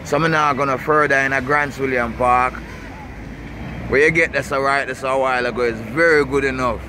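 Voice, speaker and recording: A man's voice: mid-range voice, steady tone, normal speed. A man with a Jamaican accent and Rasta speech gives a casual, rambling walking-tour commentary, repeating short tags as he goes. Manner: rambling and repetitive, with tags like 'see', 'you know', 'blessed love'. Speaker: vlogger. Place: outdoors in a city park beside busy streets. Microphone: handheld camera while walking. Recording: noisy outdoor camera audio with traffic ambience.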